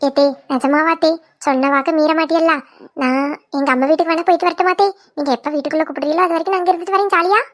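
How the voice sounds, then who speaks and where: A woman's voice: very high-pitched, fairly even intonation, very fast, slight background noise. A woman voicing a playful, talkative young village daughter-in-law, in a cartoon. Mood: cheeky. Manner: playful, teasing, cheeky. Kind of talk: cartoon voice acting.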